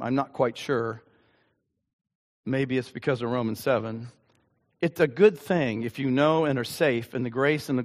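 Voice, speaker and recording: An older man, a pastor, preaching an earnest, conversational sermon and reading scripture with emphasis. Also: mid-range voice. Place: church sanctuary. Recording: long reverb of a church hall.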